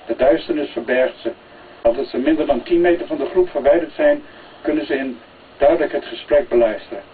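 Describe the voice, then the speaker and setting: Brief: male reader of a crime story, steady narration, far from the mic with a light hiss. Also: medium pitch, brisk. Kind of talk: reading a crime novel aloud. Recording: tinny phone-like, distant, faint hiss.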